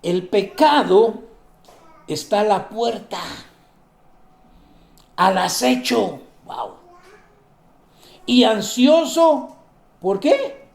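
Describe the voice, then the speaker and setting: A man's voice: sits high, expressive, very slow, creaky, long pauses, echoey room. A male pastor preaching a sermon, asking questions and answering them himself and acting out the people in his stories. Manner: acts out the people in his stories, drops to a soft voice for asides.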